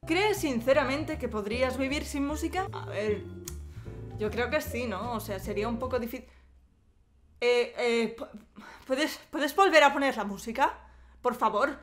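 A woman's voice: fairly high pitch, moderate pace, soft background music. A young woman from Spain with a Spanish accent, joking and swearing casually as she answers viewer questions in a vlog. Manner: joking, swears often, jumps between silly voices. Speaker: YouTuber.

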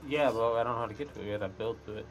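A man's voice: mid-range voice, rapid-fire, over music. A man playing a co-op survival game with friends, matter-of-factly calling out enemies and where to go. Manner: matter-of-fact, calls out enemies and directions. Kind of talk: casual co-op gaming chat.

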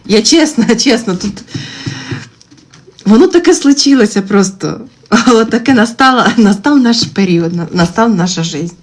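An expressive thirtysomething woman streams on TikTok from her phone at home, drawing and chatting casually at a normal speed. She swears all the time, and her exasperated rants break into abrupt high-pitched outbursts. Faint noise and clicks are in the background.

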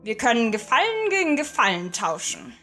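Storybook reading: a shifty crow with a high, bouncing voice, put on by a woman, hushed and scheming. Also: wildly swooping pitch, moderate pace, faint music behind, heavily acted. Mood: conspiratorial. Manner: hushed, conspiratorial whisper. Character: scheming talking crow, sly and foul-mouthed. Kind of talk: audio horror story reading.

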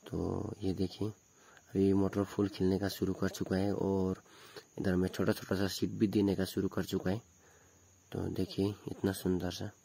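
Low, flat-voiced young man vlogging outdoors. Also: creaky, husky. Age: young adult. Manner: plain, unhurried, points things out one by one. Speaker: farm vlogger. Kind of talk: casual walking tour narration. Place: hillside vegetable farm outdoors. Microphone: phone held at arm's length.

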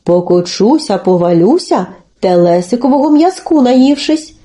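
A woman voicing greedy fairy-tale serpents in a low, gloating chant. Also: expressive, moderate pace, dark tone, close to an everyday voice.

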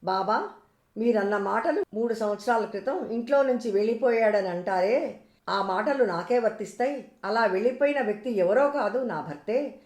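A heartbroken young wife pleads through her sorrow, as a woman narrator reads her part. The voice is fairly high, with a roomy echo around it. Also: expressive, moderate pace, a little mellow, lightly acted. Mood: pleading. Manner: tearful, pleading.

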